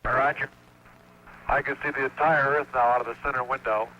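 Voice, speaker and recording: A man's voice: medium pitch, steady tone, a little fast, sharp tone, lo-fi sound. A man, an astronaut, reporting over spacecraft radio to mission control. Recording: noisy band-limited 1960s spacecraft radio.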